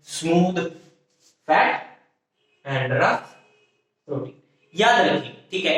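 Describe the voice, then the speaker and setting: Teacher, male, fairly high voice, drills pupils with repeated questions, recorded from a distance in a very echoey room. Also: fairly bright tone. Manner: repetitive call-and-response questioning, frequent self-corrections. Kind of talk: classroom biology lecture in Hindi-English mix.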